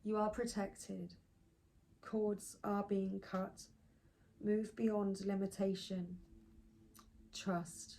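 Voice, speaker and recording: A woman giving a spiritual tarot card reading in a slow, soothing way, sometimes dropping into soft asides. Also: medium pitch, flat delivery, a little hiss or hum, rough recording.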